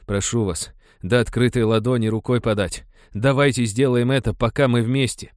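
A man's voice: medium pitch, fairly even intonation, normal speed, dry recording, clean studio sound, pitched above the performer's own voice, lightly acted. A man voicing a male village agitator who urges and pleads with a crowd, in an audiobook. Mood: pleading. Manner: urgent, pleading.

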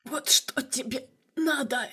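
A woman's voice: high voice, slow pace, bright, forceful tone, husky, pitched above the performer's own voice, heavily acted. A woman voicing a fat, wounded male gangster boss who coughs and begs for his life. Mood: groaning. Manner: coughing, pleading, strained.

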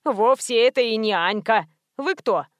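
A stern middle-aged guard woman speaks in short, blunt lines, voiced by a woman narrating a storybook. Her pitch is fairly high and the sound dry. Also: lively intonation, a little slow, no echo. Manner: blunt, curt.

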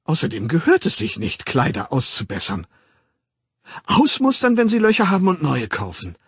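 A man reading an audiobook voices a distraught, tearful middle-aged woman who pleads, whines and breaks into husky whispers. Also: a little high, wildly swooping pitch, moderate pace, no echo, voice pushed up, heavily acted. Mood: pleading, tearful.

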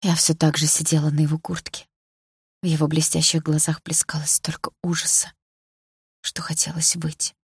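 A woman narrating a first-person audiobook in an even, intimate reading. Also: low-pitched, a little fast, slightly rough, no room sound, studio quality. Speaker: audiobook reader.

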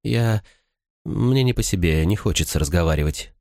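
A man voicing a wary, hurt young woman in an audiobook, talking softly and pleadingly. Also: deep voice, expressive, normal speed, no echo, clean studio sound. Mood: startled. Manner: soft, pleading.

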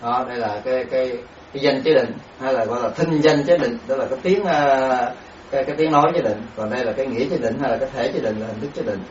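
A man, a Buddhist monk, giving a dharma lecture on Abhidhamma, speaking haltingly with many repeated words and sounding out syllables. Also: medium pitch, a little hiss or hum. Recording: echoey room, distant mic, dull sound.

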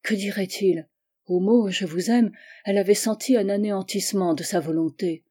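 A woman narrating a novel as an audiobook in a measured, even storytelling manner. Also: mid-range voice.

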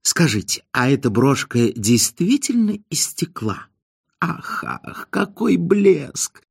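A man puts on a giddy male wit who gushes compliments in a high, breathless voice full of sighing ahs. The voice leaps up and down in lively swoops, recorded close and dry with no room around it. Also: slow pace, creaky, breathy edge, no room sound, full character voice. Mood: gushing, flattering.

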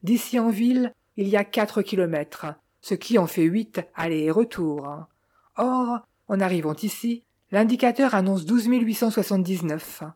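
A woman reading the part of a calm, shrewd detective who reasons step by step. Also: mid-range voice, moderate pace, close to an everyday voice. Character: shrewd, calm middle-aged detective man.

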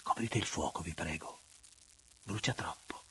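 Man reading a hushed, guarded young noblewoman for an audiobook; lowish voice. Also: measured pace, in a whisper, heavily acted. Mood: restrained.

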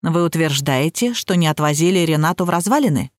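A woman reading the part of a calm, authoritative male detective boss who speaks in measured, commanding tones. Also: on the high side, dry recording, studio quality, pitched below the performer's own voice, natural voice. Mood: calm stern.

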